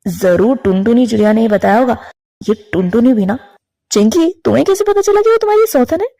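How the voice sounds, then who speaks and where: A woman voicing a flustered young male crow husband, defensive and quick to explain himself. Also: on the high side, animated, gravelly, mellow, pitched below the performer's own voice.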